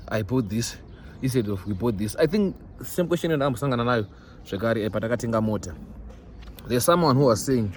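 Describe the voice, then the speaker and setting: In a lowish, darkish voice, a young Zimbabwean-accented man chats casually to his followers as a vlogger. He stresses points through repetition and weaves in English phrases, with the phone recording picking up noisy background ambience.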